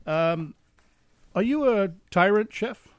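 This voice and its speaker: A man who grew up in Europe hosts a radio morning show, joking and asking quick questions. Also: high-pitched, lively intonation, no room sound. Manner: jokey, brisk interviewer. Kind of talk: casual radio hosting. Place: radio studio.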